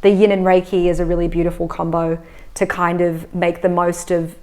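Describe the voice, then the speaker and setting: A woman, a yoga teacher explaining her practice in a calm, measured way during a casual interview. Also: on the low side. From Australia. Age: 30s. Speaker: yoga teacher and breathwork facilitator.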